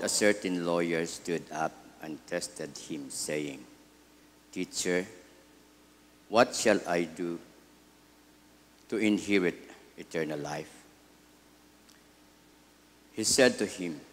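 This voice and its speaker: A man with a low voice reads scripture as a priest at Mass. He is slow and deliberate, breaking the text into short, solemn phrases. The sound rings with the long reverb of a large hall.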